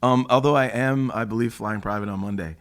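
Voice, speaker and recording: A man on a podcast as a guest, chatting casually and telling animated stories, acting out what people said and laughing often. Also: fairly low pitch, brisk. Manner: animated storyteller, acts out quotes, laughs often. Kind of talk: casual chat. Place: apartment room.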